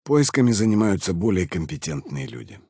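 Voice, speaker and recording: A man voicing a calm, composed middle-aged host who speaks in a measured way in an audiobook. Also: medium pitch, husky, dry recording, studio quality, voice pushed up. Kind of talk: audiobook character voice.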